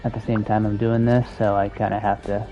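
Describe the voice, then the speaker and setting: A game streamer mutters and thinks aloud to himself during casual livestream commentary, his lowish, mellow voice level in tone and a little fast. The lo-fi microphone sounds dull, and game music plays behind him.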